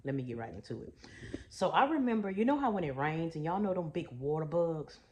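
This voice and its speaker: A woman's voice: sits low, animated, a little fast, a little mellow, highs cut off, slight background noise. A middle-aged woman from Texas, a trauma coach, chatting folksy to her viewers in a story-time vlog and calling them y'all and baby. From Houston, Texas.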